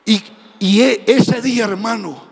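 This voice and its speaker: A man preaching a fiery sermon as a pastor, shouting and half-singing his phrases. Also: high voice, a little slow, vocal fry, breathy edge, in a large hall. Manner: speaking in tongues.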